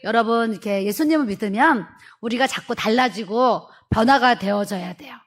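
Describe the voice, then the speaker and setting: A woman's voice: a little high, moderate pace. A middle-aged woman pastor preaching a sermon earnestly, acting out family dialogue with laughs.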